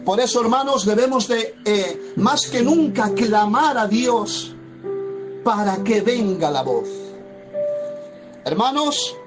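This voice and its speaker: A pastor preaches slowly and expressively in a high, ringing voice, leaving long pauses and repeating phrases with fervent emphasis. A soft plucked guitar plays clearly beneath the sermon.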